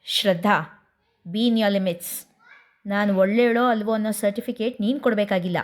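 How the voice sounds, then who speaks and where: A woman's voice: mid-range voice, moderate pace, close to an everyday voice. A woman doing a curt proud young woman.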